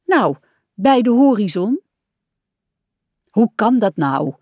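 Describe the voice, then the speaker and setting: A woman's voice: mid-range voice, expressive, unhurried, darkish tone, dry recording, clean studio sound, close to an everyday voice. A woman doing Rad, a bossy adventurous rat. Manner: stern, impatient, bossy.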